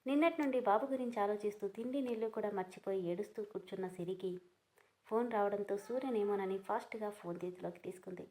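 Brief: female storyteller, emotive serial narration, addresses listeners warmly as friends. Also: mid-range voice, quick pace.

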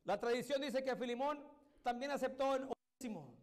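High-voiced pastor preaching with fervor. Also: male voice, normal speed. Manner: impassioned, swings from loud exhortation to soft intimate tones. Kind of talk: sermon. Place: church.

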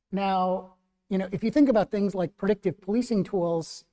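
A middle-aged man with a New Jersey accent moderating an academic panel in a measured, thoughtful, self-correcting way. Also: high-pitched, warm tone, in a large hall.

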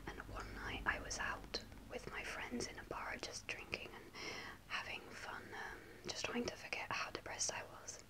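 The recording is low quality: a young ASMR creator, seated in a small room against a starry backdrop, shares a personal story in a soft, unvoiced whisper. She speaks near a face-level camera and hesitates a lot, with plenty of ums.

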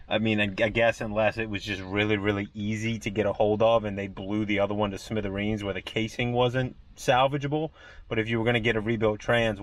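A man's voice: fairly low pitch, fairly bright tone. A man narrating a casual vlog in a garage, thinking aloud as he explains a car problem with frequent "um" fillers. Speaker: car shop owner and vlogger. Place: auto garage.

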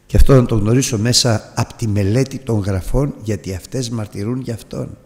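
Impassioned preacher man in a reverberant hall. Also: medium pitch. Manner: impassioned preaching that swells to near-shouts. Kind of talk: sermon.

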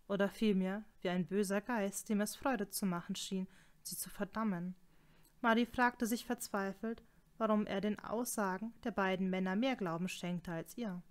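A woman's voice: mid-range voice, moderate pace. Woman narrating an audiobook. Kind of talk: scripted narration.

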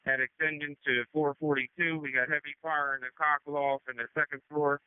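A man acting as fire incident commander, reporting over a two-way radio in a halting way with many uh fillers. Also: fairly high pitch, flat delivery, smooth, dry recording. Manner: halting, frequent uh fillers, matter-of-fact. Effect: two-way radio transmission. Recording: tinny dry radio channel.

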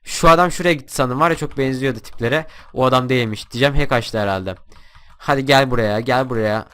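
A young man giving excitable commentary over his own gameplay and taunting the other players. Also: mid-range voice, fairly quick, clean tone. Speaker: gaming YouTuber.

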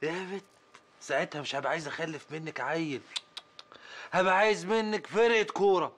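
A man's voice: fairly high pitch, a little fast, close to an everyday voice. An actor playing an anxious, pious eldest brother who mutters prayers and teases his wife, in Egyptian Arabic. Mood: fretful teasing. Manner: muttering prayers, then joking warmly. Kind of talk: film acting.

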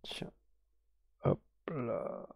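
A man hosting a live game stream, slowly drawing giveaway winners and muttering to himself with whispered asides. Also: darkish tone.

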